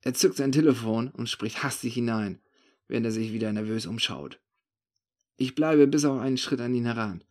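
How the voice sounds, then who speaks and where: Male first-person narrator, wry and conversational, mid-pitched. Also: normal speed, darkish tone.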